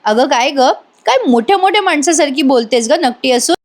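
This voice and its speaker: A woman's voice: high-pitched, lively intonation, a little fast, pitched above the performer's own voice. A woman voicing a kindly young husband who talks in a playful, teasing way.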